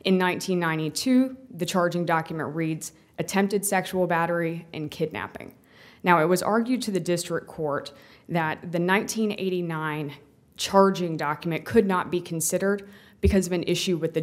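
A woman defense attorney giving a formal, careful appellate argument to a panel of judges. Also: lowish voice.

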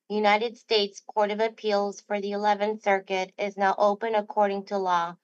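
A woman acting as court crier, formally declaiming a ceremonial opening like a town crier, loud and measured. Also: medium pitch, lo-fi sound.

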